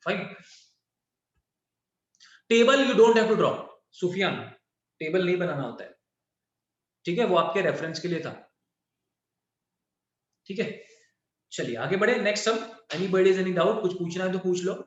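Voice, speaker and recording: High-voiced indian math teacher guy, keeps asking the class if it's clear, big echo. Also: animated, a little slow, pauses often. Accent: Indian English. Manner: mixes English into Hindi, checks in with students often. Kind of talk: online class lecture. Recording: very echoey, dull lo-fi.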